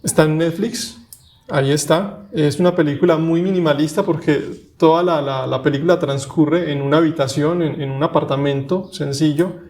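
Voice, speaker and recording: Reflective man with a fairly high voice. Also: steady tone, a little mellow. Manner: measured, reflective. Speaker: podcast co-host. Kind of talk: casual conversation.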